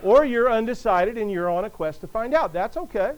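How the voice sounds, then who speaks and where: A man preaching a sermon to his congregation, emphatic, with conversational asides, slowing down to stress the verses he quotes. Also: high-pitched, lively intonation, poor audio. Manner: emphatic, rises and drops in volume, slows to stress scripture.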